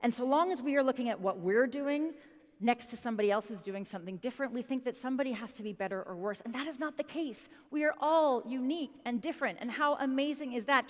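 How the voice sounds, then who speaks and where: A woman in her thirties giving a motivational keynote speech, animated and quizzing the audience directly. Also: a little high, fast. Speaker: keynote speaker. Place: conference hall stage. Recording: long reverb of a large hall.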